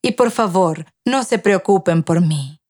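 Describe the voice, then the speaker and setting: Lady doing a stubborn old granny in a storybook, lower and slower than her own voice, tired but firm. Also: lively intonation, a little mellow, no echo, clean studio sound. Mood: calm, firm.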